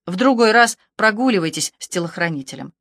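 A woman's voice: medium pitch, expressive, fairly quick, a bit bright, dry recording, studio quality. Woman reading a cheeky young lieutenant. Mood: mocking. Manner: mocking, wisecracking. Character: cheeky curly-haired young male lieutenant.

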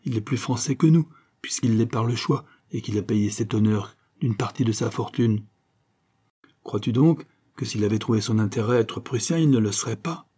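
A man's voice: lowish voice, moderate pace, warm tone, slightly rough. A man reading aloud, voicing a middle-aged industrialist and deputy who reasons patiently and teases lightly. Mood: reasoning.

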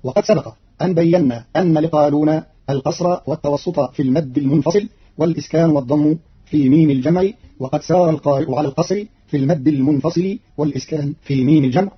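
A man's voice: on the high side, quick pace, breathy edge. A man giving a formal, scripted explanation of recitation readings, quoting verses in an instructive manner, from an archival radio broadcast. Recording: dull lo-fi archival radio recording.

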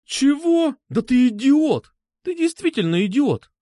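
A furious young woman, put on by a male narrator, snaps and yells in a high, shrill voice. Her outbursts swing widely up and down, full of scorn. The sound is close and dry. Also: wildly swooping pitch, measured pace, dry recording, exaggerated voice. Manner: shrill, exasperated shouting. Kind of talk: audiobook character voice.

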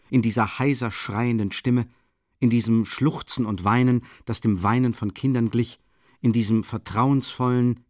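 A man narrating a classic novel in a measured, expressive storytelling manner. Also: medium pitch, dry recording, clean studio sound. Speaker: audiobook reader. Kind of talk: scripted literary narration.

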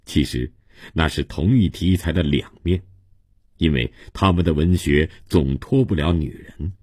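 A man narrating a novel as an audiobook, in steady, measured storytelling from a studio mic. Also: a bass voice, slightly rough, no room sound.

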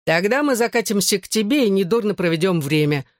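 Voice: mid-range voice, expressive, brisk, no echo, studio quality, voice pushed up, close to an everyday voice. An audiobook reader voicing a cheeky, joking teenage schoolboy who talks in a teasing, upbeat way.

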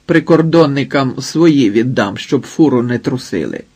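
A man's voice: medium pitch, animated, unhurried, darkish tone, slightly rough. A man voicing a sly, greedy older male smuggler who haggles and asks predatory questions, in an audiobook. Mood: eager.

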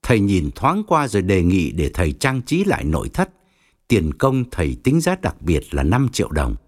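A male storyteller reading an audiobook with a wry edge. His pitch is mid-range, but his delivery is highly animated and swings widely. He keeps the tale moving with expressive narration. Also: moderate pace.

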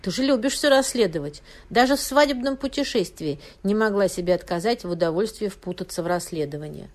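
A woman's voice: mid-range voice, animated, brisk, lightly acted. Woman doing a grumpy investigator husband. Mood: grumbling. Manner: irritable, grumbling. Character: husband, man, investigator, gruff and irritable.

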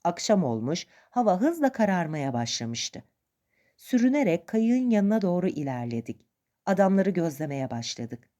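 A woman's voice: fairly low pitch, sing-song, normal speed, dark tone. A woman reading a first-person adventure story aloud as narrator, with dramatic expression.

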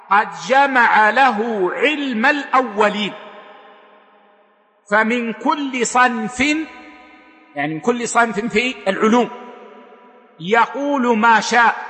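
A man delivers a religious lecture in a high, bright voice. He explains patiently and keeps restating his points in simpler words. The sound carries a long hall reverb. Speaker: lecturer on Islamic history.

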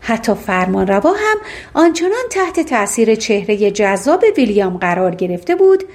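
Lively woman reading a fairy tale. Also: medium pitch. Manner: voices the characters with lively expressive reading. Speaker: audiobook narrator.

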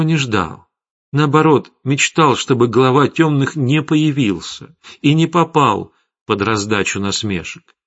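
A man narrating a fantasy novel in a measured, expressive way. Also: mid-range voice. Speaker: audiobook narrator. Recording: slightly dull lo-fi audio, faint music.

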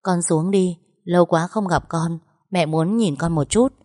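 A woman's voice: fairly low pitch, unhurried, darkish tone, no room sound. Brief: woman voicing a storybook mother, coaxing and pleading, dry close sound. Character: coaxing middle-aged mother, eager to please.

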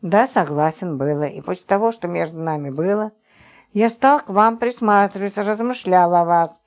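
A woman's voice: mid-range voice, expressive, normal speed, darkish tone, natural voice. A woman reading as a hot-tempered, sarcastic man. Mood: prickly. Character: jealous, sharp-tongued man, prone to outbursts.

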